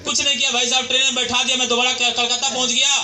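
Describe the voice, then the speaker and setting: A man tells motivational stories to a hall audience, often turning to quiz the crowd. His voice is very high and sharp-edged. The sound rings around a large, echoey hall through a stage mic. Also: racing. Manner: animated storyteller, keeps addressing the crowd as friends and quizzing them. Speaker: motivational speaker at a company anniversary event. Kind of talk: motivational storytelling speech.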